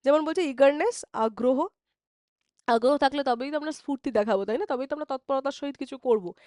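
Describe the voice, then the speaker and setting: High-voiced Bengali woman teaching vocabulary. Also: no echo, studio quality. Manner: explains warmly in Bengali mixed with English terms, asks "ঠিক আছে?" often; reads English definitions slowly and deliberately. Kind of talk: live online exam-prep class.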